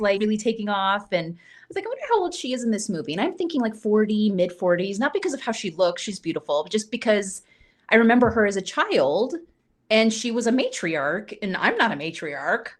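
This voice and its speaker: A woman in her forties tells comic stories as a humor writer, slipping into the voices of the people she quotes. Her pitch sits in the middle of the range but swoops and jumps with lively energy. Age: 40s. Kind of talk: animated storytelling.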